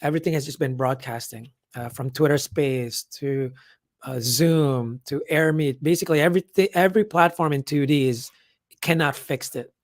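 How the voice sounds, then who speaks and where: An event organizer hosts a casual livestream Q&A, answering comments in a hoarse, worn-out voice as he loses it, rambling with plenty of fillers and restarts. His voice is a little high at a moderate pace, and the sound is clean studio audio with no echo.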